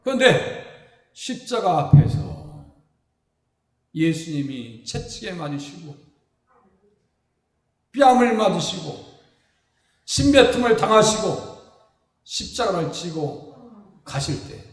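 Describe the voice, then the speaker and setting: A male pastor from South Korea preaching a folksy, animated sermon, throwing questions at the congregation and acting out the people in his stories. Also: high-pitched, slow, long pauses. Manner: acts out quoted speakers in lively voices. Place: church sanctuary. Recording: echoey hall with long reverb.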